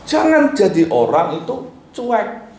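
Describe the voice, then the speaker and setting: A man preaching a sermon, pleading and emphatic, swinging between loud and soft. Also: sits high, huge pitch swings, a little slow. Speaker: pastor. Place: church hall. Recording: echoey church hall with faint noise.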